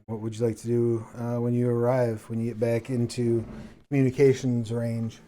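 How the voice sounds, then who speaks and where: A man's voice: medium pitch, level tone, moderate pace, mellow. A man running a tabletop roleplaying game as game master, prompting players and setting scenes.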